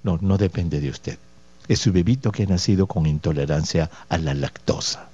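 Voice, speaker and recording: Warm, deep and slightly rough, this man's voice moves at a normal speed as he hosts a radio call-in health show as a doctor. He patiently explains listeners' questions using rhetorical questions and folksy diminutives, and the radio studio audio is dull, dry and lo-fi.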